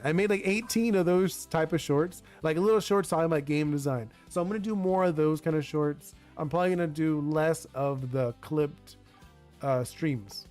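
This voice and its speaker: A young Spanish-speaking man with a fairly high, slightly mellow voice chats casually on a live stream while designing a card game. He rambles, saying "like" a lot and restarting sentences, with faint music in the background.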